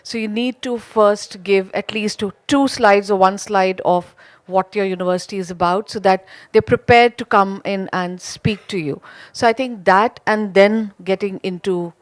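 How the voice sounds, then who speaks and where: A woman's voice: medium pitch, fairly even intonation, normal speed, hardly any pauses, no room sound. Woman, polished Indian accent, well-spoken, school counselor, unscripted panel talk, dry sound. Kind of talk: panel discussion answer, unscripted.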